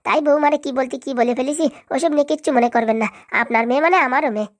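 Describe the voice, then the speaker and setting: A woman's voice: high-pitched, very fast, close to an everyday voice. A woman voicing a proud, self-justifying mother-in-law in a cartoon. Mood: placating. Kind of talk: cartoon voice acting.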